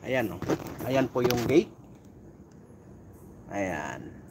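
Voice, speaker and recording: A middle-aged man chatting casually on a live stream while on night volunteer duty outdoors, giving viewers shout-outs. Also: medium pitch, animated, extremely slow, noisy background.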